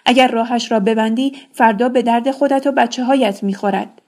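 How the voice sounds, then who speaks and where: A woman's voice: on the high side, steady tone, a little mellow, lightly acted. A woman reading a novel aloud, voicing a young desert boy who urgently pleads with the elders. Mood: urging. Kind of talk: audiobook character reading.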